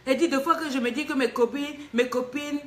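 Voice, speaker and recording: A woman life coach talks live in a lively, teasing way. Her voice sits a little high, and she keeps throwing rhetorical questions back at her listener. The delivery stays emphatic throughout. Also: brisk. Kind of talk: live advice talk reading a letter.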